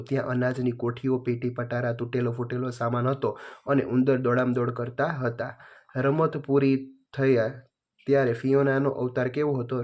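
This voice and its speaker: A male teacher reading out workbook questions and answers in a steady, even way. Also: medium pitch. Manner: steady, flat reading with small pauses.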